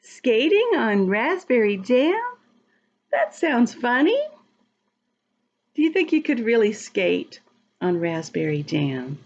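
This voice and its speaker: Reading a storybook to young children, a woman addresses them directly, stretching out her words, chatting and posing questions. She sounds very animated in a slightly high voice, moving slowly with frequent pauses. The highs in the audio are cut off.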